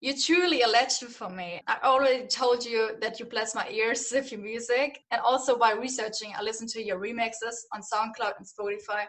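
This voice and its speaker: A woman hosting a podcast interview, eager and quick to laugh as she moves through her questions. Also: a little high, steady tone, a bit bright. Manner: eager, giggly, fast-moving questions. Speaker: podcast host. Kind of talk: casual interview.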